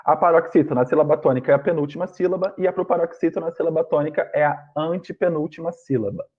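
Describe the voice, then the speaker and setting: A man's voice: a little high, fast. A man teaching an online grammar lesson, explaining step by step and often checking in with his students. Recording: dull lo-fi online class audio.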